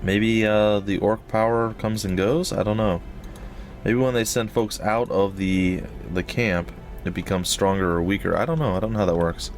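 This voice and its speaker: A man with a slightly wheezy, breathy-noisy voice giving casual, rambling, jokey commentary as host of a gaming let's play. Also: lowish voice, steady tone, normal speed, soft background music. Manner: rambling, jokey, repeats phrases for effect.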